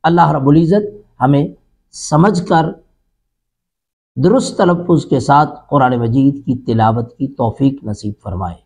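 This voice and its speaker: A man with a Pakistani Urdu accent teaching a tajweed lesson online, drilling syllables slowly and then explaining in quick bursts. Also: mid-range voice, darkish tone, husky. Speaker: Quran recitation teacher.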